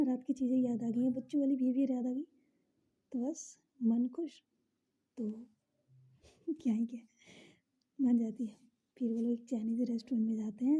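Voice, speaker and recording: A woman narrating a romance story in a soft, half-whispered, breathy voice. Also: high voice.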